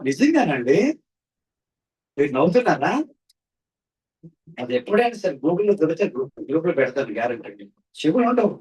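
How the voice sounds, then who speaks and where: A man preaching an evening sermon, calling out hallelujah, throwing rhetorical questions to his listeners, and swinging between ringing exclamations and quiet low passages. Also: sing-song, a little fast, pauses often, breathy edge. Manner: fervent, repeated hallelujah calls, rhetorical questions to the audience. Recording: voice distant from the mic.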